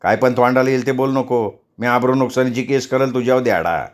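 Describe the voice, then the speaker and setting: A man's voice: mid-range voice, a little fast, natural voice. A man voicing an arrogant, hot-tempered village politician in a spoken story, blustering and threatening. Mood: angry.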